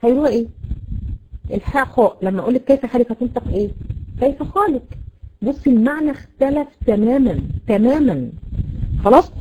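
A woman's voice: fairly high pitch, lively intonation, fast, dark tone. A woman with an Egyptian Arabic accent teaching a Quran recitation lesson, explaining with many fillers and repeated questions to her students. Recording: dull lo-fi recording with noise.

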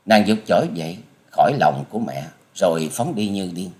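A man narrating a martial-arts audiobook with expressive storytelling. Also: low-pitched, normal speed.

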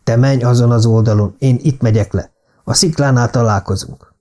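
A man's voice: medium pitch, warm tone, lightly acted. A man voicing a tense middle-aged businessman, terse and calculating in an audiobook.

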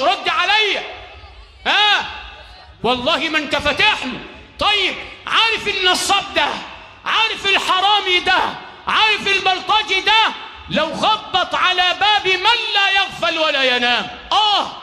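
Shouting Egyptian preacher in an echoey hall. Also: male voice, extremely high pitch. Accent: Egyptian Arabic. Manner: impassioned, shouting, chanting verses in a drawn-out sung voice. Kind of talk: shouted Friday sermon. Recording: echoey hall, faint music behind.

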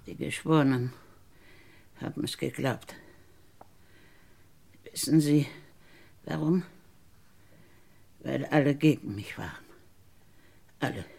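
In a radio crime drama, a bitter, brooding woman insists she was wrongly convicted. Her low voice is husky and creaky yet warm in tone, and the heavily acted delivery is slow, deliberate and insinuating, at times sinking toward a whisper.

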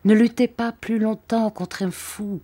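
A woman's voice: mid-range voice, steady tone, unhurried, mellow, pitched above the performer's own voice, close to an everyday voice. A woman reading the part of an earnest young man urging the woman he loves, in an audiobook.

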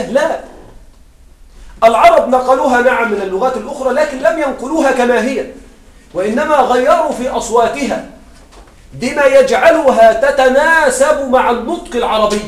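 A high-voiced male teacher explains a grammar lesson to a class, pausing to quiz his students and repeating himself as he goes. His voice is picked up from across the room. The classroom echo is strong. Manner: questioning students, repeats and restarts. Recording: roomy classroom sound from far off.

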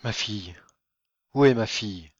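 Rôle : un homme jouant un vieux noble déchu, père accablé, déclamatoire ; prise sèche, un peu étouffée. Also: male voice, lowish voice, moderate pace, no room sound, lo-fi sound, voice pushed down, close to an everyday voice. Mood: tender. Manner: declamatory, grieving. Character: old ruined nobleman, proud, despairing father. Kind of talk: audiobook reading.

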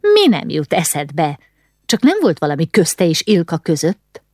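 A proud aristocratic mother in a spoken storybook, condescending and easily alarmed, played by a woman narrator. Her voice sits low but swings widely in pitch. The sound is dry with no room echo. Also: huge pitch swings, a little mellow, full character voice. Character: haughty, fussy aristocratic mother, middle-aged woman.

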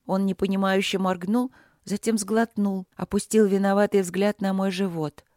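Expressive woman audiobook narrator. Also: mid-range voice, normal speed, no room sound, clean studio sound. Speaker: audiobook reader. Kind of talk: first-person novel narration.

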